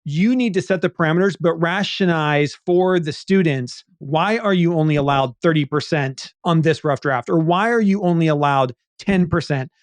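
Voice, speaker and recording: Man, podcast host, enthusiastic, affirming, fairly high voice, dry close sound. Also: normal speed, few pauses, dry recording. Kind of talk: conversational interview.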